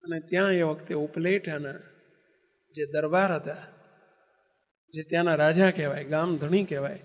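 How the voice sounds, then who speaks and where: A man's voice: a little high, fairly even intonation, normal speed. A man preaching, telling a story in an emphatic sermon manner and throwing rhetorical questions at his listeners. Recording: long hall reverb.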